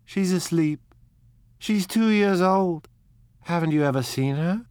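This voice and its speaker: A man's voice: high-pitched, darkish tone, clean tone, no echo, voice pushed up. Daisy is a flighty, dreamy young society wife, voiced by a male audiobook narrator. She gushes and draws her words out in a lifted, airy tone. The recording is close and dry. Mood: gushing. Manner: gushing, dreamy, drawn-out phrasing. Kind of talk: audiobook character voice.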